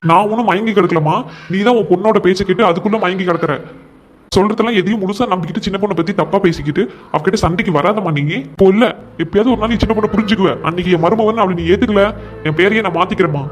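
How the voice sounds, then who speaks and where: A young cartoon husband, voiced by a man, firm and pleading by turns as he reasons with his mother. His voice sits high for a man, and he races through his lines at a breakneck pace. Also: racing, close to an everyday voice. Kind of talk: comic cartoon voice acting.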